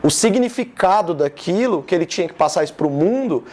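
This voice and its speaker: A man's voice: sits high, expressive, a little fast, a little mellow. A man in his thirties from Goiás with a Goiás accent, giving an informal live business talk and speaking straight to his audience in a casual, chatty way. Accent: Goiás Brazilian Portuguese. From Goiás, Brazil.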